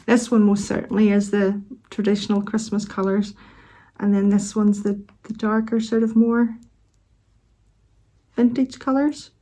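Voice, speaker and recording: A woman in middle age speaks with a Northern Irish accent in a soft-toned, mellow voice. She chats casually to her viewers in a gentle, unhurried way, pausing as she finds her words. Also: mid-range voice, flat delivery, low-quality recording. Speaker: knitting vlog host. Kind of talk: casual chat to camera.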